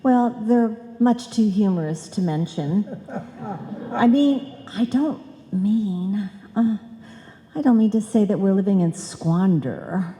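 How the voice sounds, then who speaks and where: In a live old-time radio comedy recorded in an echoey hall, an actress plays a scatterbrained, chatty housewife keen to earn money, earnest, muddled and prone to malapropisms. Her mellow, medium-pitched voice moves slowly with light acting and a pleading mood.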